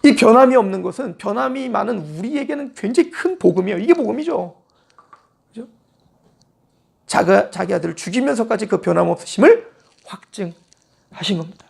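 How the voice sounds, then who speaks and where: A man's voice: high-pitched, animated, fairly quick, gravelly, pauses often, a little mellow, breathy edge. A male pastor preaching a sermon in a church in a conversational style. He mixes casual and polite speech and acts out quoted lines.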